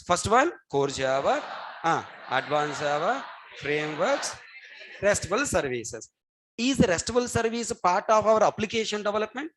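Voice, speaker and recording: A middle-aged man with a high-pitched voice and a Telugu Indian English accent lectures to a class. He is a native Telugu speaker who repeats himself, urges listeners on and keeps prompting them with short question tags. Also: a bit bright. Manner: exhorting, repetitive, with question tags and prompts for answers. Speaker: programming teacher.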